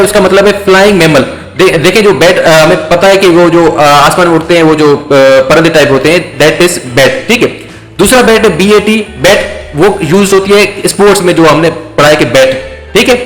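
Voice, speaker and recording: A man giving an English vocabulary lecture, explaining slowly with many fillers and check-ins. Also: sits high, fairly bright tone. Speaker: English teacher. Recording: echoey room with faint music.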